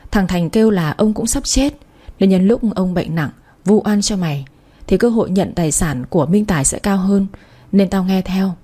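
A woman's voice: medium pitch, animated, normal speed, warm tone, husky. A woman voicing a bitter elder sister who speaks bluntly and harshly, full of scorn. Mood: bitter confession.

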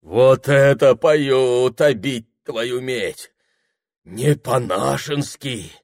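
A man putting on a loud, swaggering old-time gold-digger. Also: fairly low pitch, animated, slow, no room sound, clean studio sound, exaggerated voice. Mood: awed. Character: boastful bearded male gold-digger, rowdy and greedy.

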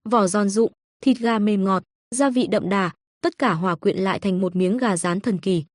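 A woman narrating an audio novel in a steady, even storytelling manner. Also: medium pitch, moderate pace, no echo, studio quality.

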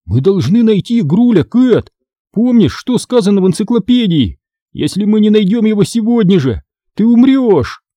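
A man's voice: sits high, very animated, moderate pace, dark tone, no room sound, voice pushed up. A man voicing a timid, easily scared young boy who pleads with anxious urgency, reading from a storybook. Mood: urgent.

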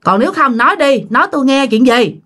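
A woman's voice: high voice, animated, quick pace, fairly bright tone. A woman voicing an older village husband who coaxes and pleads with his wife in a told ghost story. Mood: pleading. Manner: coaxing, pleading.

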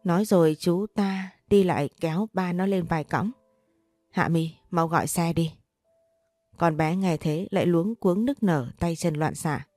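Low, mellow woman narrating a story. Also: normal speed, few pauses, no room sound, clean studio sound, soft background music.

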